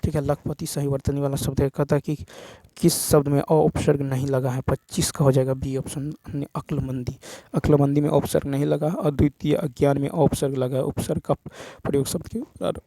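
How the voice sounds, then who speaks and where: A man teaching an exam paper walkthrough, reading each question and answer option, then explaining the rule in a steady, explanatory way. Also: medium pitch, fairly quick, creaky, no room sound. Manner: steady explanatory delivery, repeats answers with "ठीक है" and "next".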